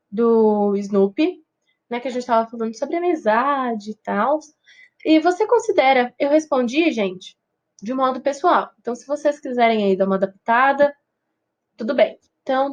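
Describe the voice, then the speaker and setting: A woman's voice: on the high side, a little mellow. Brazilian woman teaching English grammar. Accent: Brazilian Portuguese. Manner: patient explaining, checks in with students often. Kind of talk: recorded grammar lesson.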